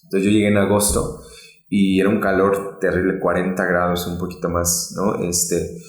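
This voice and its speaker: A man's voice: sits low, monotone, moderate pace. A young man from Mexico, a podcast guest telling his story casually, ending almost every phrase with a questioning "¿no?". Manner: tag question "¿no?" after nearly every phrase. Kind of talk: casual testimony. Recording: very echoey room.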